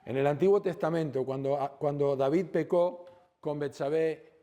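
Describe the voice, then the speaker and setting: Male pastor, Rioplatense accent, lively church sermon, fairly high but mellow voice. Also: normal speed. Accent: Rioplatense Spanish. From Argentina. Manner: animated preaching, acts out dialogue, rhetorical questions.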